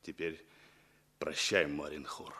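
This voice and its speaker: An actor playing an earnest Mongolian revolutionary commissar with a declamatory way of speaking in a theatrical radio drama. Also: male voice, fairly low pitch, lively intonation, normal speed, bright, forceful tone. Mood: solemn, fervent. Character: Mongolian revolutionary commissar, musician and fiery orator.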